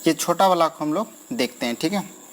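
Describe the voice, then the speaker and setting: Man, teacher, exam-prep lesson, slightly high-pitched, counting feet aloud, stretched stressed syllables. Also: animated, slight background noise. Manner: counts syllables aloud, drawn-out stressed words, frequent "okay" fillers.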